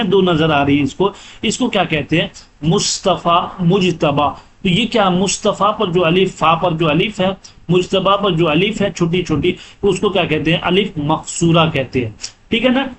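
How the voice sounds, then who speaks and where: A man's voice: high-pitched, background noise. A man teaching grammar for an exam, repeating terms and asking then answering his own questions. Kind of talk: exam-prep lesson.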